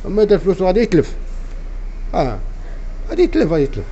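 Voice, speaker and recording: Moroccan man, forties, Casablanca accent. Rapid, emphatic, aggrieved interviewee, slightly muffled recording with faint noise. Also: sits high, huge pitch swings, mellow. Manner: emphatic, aggrieved, repeats himself. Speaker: café owner being interviewed. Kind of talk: street interview, spontaneous complaint. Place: inside a small café, behind the counter. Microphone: handheld reporter microphone.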